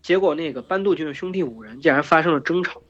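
A hoarse man hosting a podcast, retelling an epic in casual chat, full of fillers and restarts. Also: a little high, animated, fast, a bit bright. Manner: rambling with many fillers and restarts. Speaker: podcast host retelling myths. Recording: dull lo-fi podcast recording with faint music.

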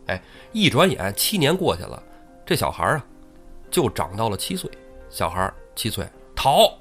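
A podcast host with a fairly low-pitched male voice tells an old tale at a moderate pace over faint background music. He's animated and chatty, keeping it casual and often checking whether the listener agrees.

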